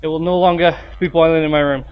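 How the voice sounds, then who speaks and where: A man's voice: on the high side, fairly even intonation, fast talker, clean tone, highs cut off. A young man commentating a video game match live from his room, slightly out of breath, rambling with fillers and restarts. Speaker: shoutcaster and streamer.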